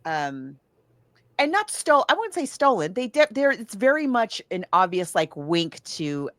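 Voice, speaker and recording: At a measured pace and medium pitch, a woman co-hosts a podcast, recorded dry and with studio quality. Her casual chat about books and films rambles in an animated, storytelling way, and she acts out quotes as she goes.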